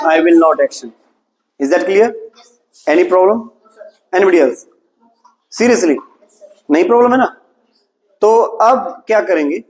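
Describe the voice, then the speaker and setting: A man's voice: high-pitched, darkish tone. A man with an Indian accent teaching English in a classroom, switching between Hindi and English and drilling students with questions and answers. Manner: encouraging, calls students "beta".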